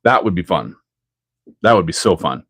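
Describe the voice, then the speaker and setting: A Canadian man hosts a live stream, chatting casually as he builds and answers viewers, often laughing. His voice is low, husky and a bit bright, expressive at a normal speed, with Canadian English accent and a dry, clean studio sound.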